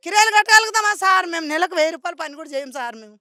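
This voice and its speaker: A woman's voice: very high voice, expressive, racing, sharp tone, no echo, studio quality. A woman with a Telangana Telugu accent, a local resident speaking in a street interview. She pleads with passion and repeats herself.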